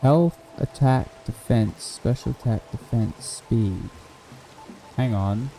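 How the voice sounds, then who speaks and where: A young man casually commenting on his live game stream, rambling and thinking aloud with excitable bursts. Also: medium pitch, takes it slowly, vocal fry, soft background music, low-quality recording.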